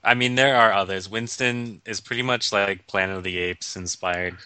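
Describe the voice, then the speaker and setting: A man's voice: lowish voice, fairly even intonation, moderate pace, bright, forceful tone, clean tone, no room sound. A man chatting casually about a video game, easygoing and hesitant with fillers. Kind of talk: casual gaming chat.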